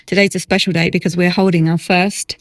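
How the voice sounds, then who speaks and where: A woman's voice: fairly low pitch, brisk, dry recording. Bubbly woman co-hosting a podcast. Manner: bubbly, laughs often, excitable. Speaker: podcast co-host. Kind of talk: casual chat.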